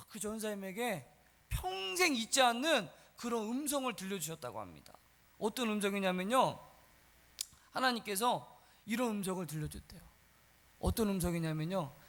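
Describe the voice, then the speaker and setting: High, bright-voiced male pastor preaching. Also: big-room sound. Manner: animated storytelling, asks the congregation questions. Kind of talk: sermon.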